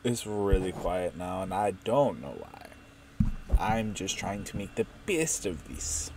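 A man's voice: low voice, lively intonation, slow, noisy background. A young man streaming a game late at night, rambling and profane in casual commentary. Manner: rambling, profane, self-mocking.

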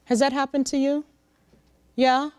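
A middle-aged woman giving a lively, direct motivational talk to young interns in a large conference room, speaking into a handheld microphone. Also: high voice, a little slow, no echo. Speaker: workshop speaker. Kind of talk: motivational professional-development talk.

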